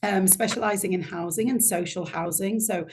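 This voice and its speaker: A woman's voice: medium pitch, moderate pace, darkish tone, slight background noise. Chatty, effusive woman podcast host. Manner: chatty, effusive, many restarts. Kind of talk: interview introduction.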